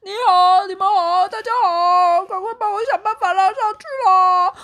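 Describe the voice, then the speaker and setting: A woman's voice: extremely high pitch, steady tone, normal speed, voice pushed up. A woman doing a wailing big bear. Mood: pleading, wailing. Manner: shouting, wailing pleas. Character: mischievous big male bear, trapped and pleading.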